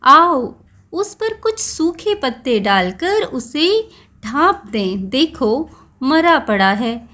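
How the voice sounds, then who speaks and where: A woman's voice: sits high, sing-song, slow pace, pushed and bright, exaggerated voice. A woman voicing a male tortoise who is faking grief over his friend in a children's story, with a dramatic wailing lament. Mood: insistent.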